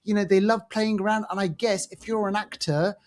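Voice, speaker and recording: A man's voice: high-pitched, brisk. A man co-hosting a film podcast, chatting casually and filling his talk with "you know". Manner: chatty, animated, frequent "you know" fillers. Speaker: podcast co-host. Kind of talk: casual chat.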